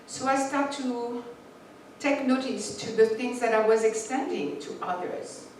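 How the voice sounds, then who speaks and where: A woman whose first language isn't English, a spiritual teacher, gives a reflective sermon and reads passages aloud, restarting a few times. Her voice is on the high side, steady in tone, a little slow and slightly mellow; the recording is from far off in an echoey room with faint noise.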